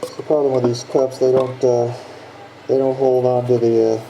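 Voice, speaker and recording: A man's voice: medium pitch, normal speed, background noise. A man who builds models, casually narrating his progress while his voice is muffled by the face mask he is wearing. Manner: relaxed, casual, with frequent "uh".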